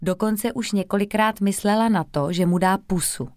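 A woman calmly reading a children's storybook aloud. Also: medium pitch, dry recording, clean studio sound.

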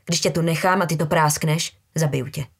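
A woman voicing a brutal, menacing young man who talks in low, slangy threats. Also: steady tone, gravelly, breathy edge, full character voice. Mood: threatening.

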